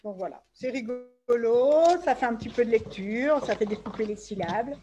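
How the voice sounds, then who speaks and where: High-voiced woman demonstrating a game. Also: moderate pace, warm tone, soft background music. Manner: walks through game rules step by step. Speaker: game presenter. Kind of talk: online webinar demonstration.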